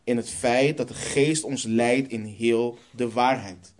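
Earnest male preacher, measured delivery. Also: mid-range voice, fairly even intonation. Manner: earnest, measured, slows down on key phrases. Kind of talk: sermon with scripture reading.

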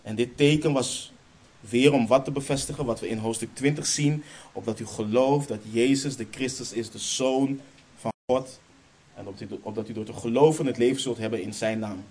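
A man's voice: mid-range voice, moderate pace, few pauses, a little mellow, husky. A man preaching a sermon in Dutch churches' style, stressing key lines emphatically, then leading a prayer.

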